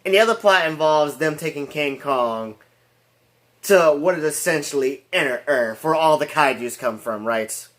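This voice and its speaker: A man's voice: a little high, moderate pace, a bit bright. A man giving a rambling casual movie review, full of restarts and fillers and laughing at his own jokes.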